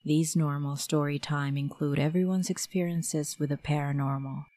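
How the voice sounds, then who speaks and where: A middle-aged woman with a Filipino accent, narrating a spooky story in a measured, dramatic way. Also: deep voice, level tone, dark tone. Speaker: storyteller host.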